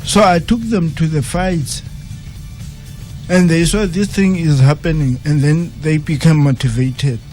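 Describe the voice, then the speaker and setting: Slow, halting man. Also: a little high, steady tone, darkish tone, faint music behind. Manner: halting, slow, repeats phrases. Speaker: boxing coach. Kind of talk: radio interview guest. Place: radio studio.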